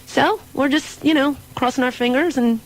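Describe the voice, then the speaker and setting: A woman's voice: high voice, moderate pace, poor audio. Chatty woman wrestler, stumbling restarts. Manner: rambling, repeats words and restarts sentences often. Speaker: wrestling guest interviewed on radio. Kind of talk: casual radio interview chat.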